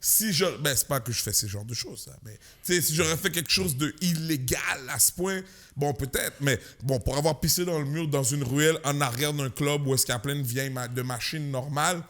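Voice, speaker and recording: A man's voice: on the high side, fairly quick, hardly any pauses, a bit bright. Slangy Québécois man telling a story. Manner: slangy, punchy, mixes English words in. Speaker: guest comedian. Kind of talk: animated storytelling on a podcast.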